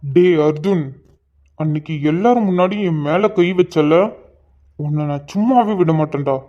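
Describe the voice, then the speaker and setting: A man's voice: fairly high pitch, moderate pace, darkish tone, muffled recording, natural voice. A man voicing a snappish, vengeful young businessman in a cartoon. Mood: irritated. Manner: snappish, menacing. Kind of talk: cartoon voice acting.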